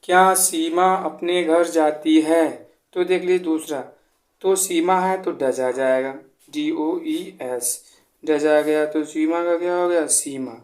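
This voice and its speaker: Slow, patient grammar teacher. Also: medium pitch, fairly even intonation, a little mellow. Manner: spells words letter by letter and asks rhetorical quiz questions. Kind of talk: Hindi-language grammar lesson.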